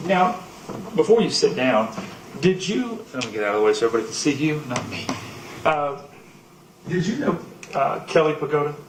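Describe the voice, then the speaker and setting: A man questioning a witness as an attorney, in a halting, folksy, courteous and conversational way. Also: a little high, expressive. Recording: roomy, distant, noisy courtroom pickup.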